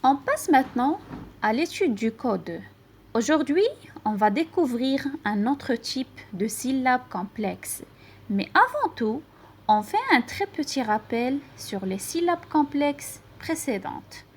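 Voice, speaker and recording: A woman teacher with a Moroccan accent slowly reading and sounding out syllables for young children. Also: high-pitched, very animated, breathy edge. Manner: pronounces syllables slowly and distinctly, spelling out letters. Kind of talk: slow, deliberate reading lesson for children.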